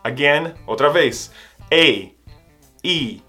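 Professor brasileiro calmo e pausado. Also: male voice, a little high, faint music behind. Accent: Brazilian Portuguese. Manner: patient, repeats sounds slowly for the learner to copy. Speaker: English teacher. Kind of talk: language lesson.

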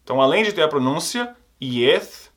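A man's voice: fairly high pitch, expressive, normal speed, fairly bright tone. A Portuguese-speaking man teaching English pronunciation, saying each word twice and exaggerating the sounds. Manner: models each word twice, over-articulated. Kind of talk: pronunciation lesson.

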